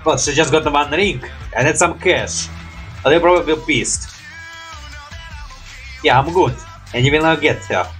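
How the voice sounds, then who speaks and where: A man's voice: fairly high pitch, moderate pace, long pauses, fairly bright tone, faint music behind. A young man reacting casually to animations in rambling, hesitant, non-native English, with habitual mild swearing. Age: young adult. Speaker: reaction video host. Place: small room at home.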